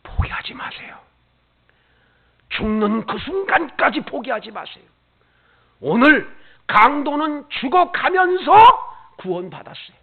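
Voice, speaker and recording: A middle-aged male pastor preaching an impassioned sermon, swinging from loud exclamations to hushed pleas. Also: very high-pitched, big pitch swings, measured pace, vocal fry, narrow, tinny audio.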